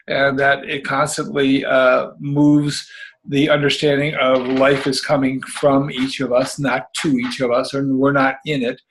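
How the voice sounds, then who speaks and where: A man's voice: medium pitch, poor audio. A man speaking as a guest author in a casual spiritual interview, meandering and folksy, calling listeners babies and kiddies.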